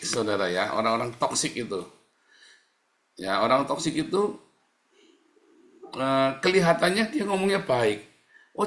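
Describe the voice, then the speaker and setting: A middle-aged pastor preaches a live-streamed sermon in an echoey room, repetitive and exhorting, constantly addressing his listeners as "saudara". His voice is medium in pitch with a fairly bright tone.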